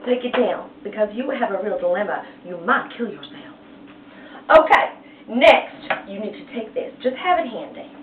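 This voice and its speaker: A woman's voice: mid-range voice, lively intonation, moderate pace, background noise. A woman teaching a painting lesson, chatty and playful, retelling a story in slang, recorded tinny and far from the mic in an echoey room. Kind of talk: casual art lesson with storytelling.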